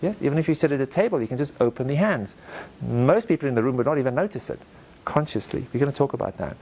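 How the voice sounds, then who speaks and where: A man teaching a presentation skills workshop to a live audience, animated and direct, acting out quotes in playful voices. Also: medium pitch, fast talker, breathy edge. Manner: direct, asks the audience to repeat lines to each other. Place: training room with a live audience.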